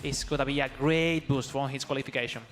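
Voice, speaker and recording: A man with a mid-range, steady voice, whose first language is Spanish, analyzes esports live in English. He sounds eager, uses non-native phrasing, and lets his calls rise quickly when the action happens.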